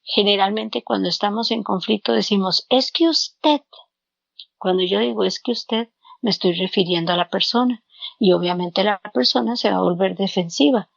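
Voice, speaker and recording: A woman's voice: mid-range voice, brisk, vocal fry, no echo. A woman guest giving counseling advice in an interview, explaining step by step and repeating words as she searches for them. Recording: dull lo-fi, dry sound.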